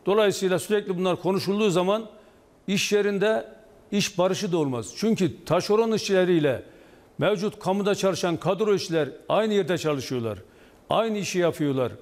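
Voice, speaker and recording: Speaking over a video link from an indoor office or studio, a union official in his sixties explains his position during a live TV news interview. He has a high but darkish voice and talks in a measured, stop-start way, with long hall echo in the recording.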